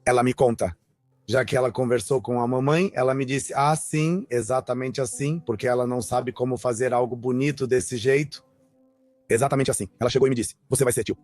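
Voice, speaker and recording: A man's voice: mid-range voice, fairly even intonation, a little fast, a little mellow, no room sound, faint music behind. A young man recalling his family in an earnest, reflective documentary testimony. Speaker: brother interviewed.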